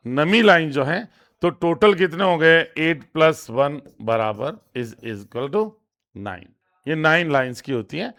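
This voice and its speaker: Slow-speaking male exam tutor. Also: on the high side, fairly bright tone. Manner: explains step by step, repeats questions and answers; reads English questions slowly, then translates. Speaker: exam prep teacher. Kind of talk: exam lesson in Hindi with English terms.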